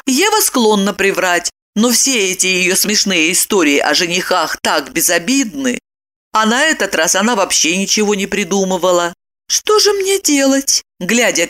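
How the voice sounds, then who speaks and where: A woman narrating an audiobook in an expressive, ironic storytelling manner. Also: medium pitch.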